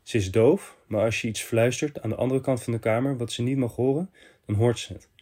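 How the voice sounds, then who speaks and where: A man hosting a podcast, reading a listener's confession letter aloud in short, measured phrases. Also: mid-range voice, dark tone, breathy edge.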